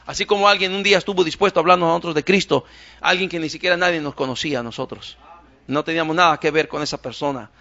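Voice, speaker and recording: A male pastor preaches in a high, bright voice, telling his story through emphatic repeated phrases. The church recording sounds dull and lo-fi. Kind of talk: sermon.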